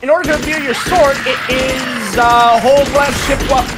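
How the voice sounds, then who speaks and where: A man's voice: very high voice, fairly even intonation, normal speed. Brief: joking gamer guy reading out stats, game music behind. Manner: reads game text aloud, wisecracking. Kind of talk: casual let's-play chat.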